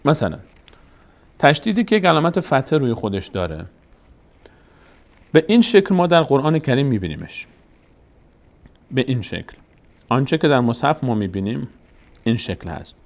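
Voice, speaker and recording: A man giving a recorded lesson on reading the Quran. He explains slowly and patiently, stopping to ask a question and then answering it himself. His voice sits at an ordinary middle pitch. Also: sing-song.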